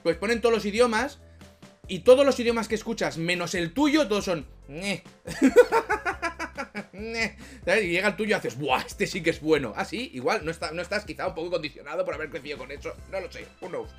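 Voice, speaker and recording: A man's voice: high-pitched, animated, quick pace, faint music behind. Rambling self-mocking man. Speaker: YouTuber. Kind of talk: casual rambling vlog chat.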